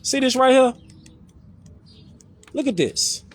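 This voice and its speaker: Casual host, high animated voice, preachy and slangy. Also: male voice, slow pace, a little hiss or hum. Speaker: social media commentator. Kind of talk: casual live-stream talk, reading definitions aloud.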